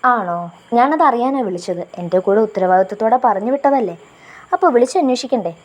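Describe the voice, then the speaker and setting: A woman reading a story aloud, voicing a reserved young man on a phone call who speaks briefly with gentle teasing. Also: a little high, expressive, brisk. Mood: casual.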